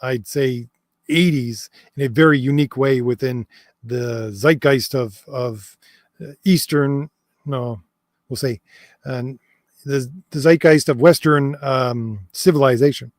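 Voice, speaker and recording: On a dry, studio-quality recording, a medium-pitched man speaks a little slowly while hosting a long, casual chat stream. He reads viewer comments aloud and answers them, hesitant and full of fillers and restarts, and says he's losing his voice.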